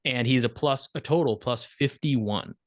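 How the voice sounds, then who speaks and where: Male podcast co-host, mid pitch, animated stat-heavy talk, dry close mic. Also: measured pace, no room sound. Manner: animated, rattles off stats, laughs mid-sentence. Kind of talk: casual sports podcast chat.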